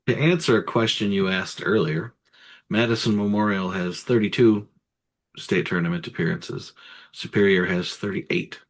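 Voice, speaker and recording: A man's voice: fairly low pitch, moderate pace. A man giving casual sports talk, laying out statistics in a matter-of-fact way. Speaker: sports commentator.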